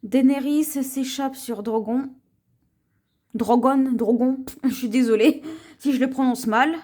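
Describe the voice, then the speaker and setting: A high-pitched, dark-toned voice belongs to this vlogger presenting her shopping haul. She goes slowly and chats as she points things out to viewers, leans on "voyez" repeatedly, and sometimes stumbles and starts names over.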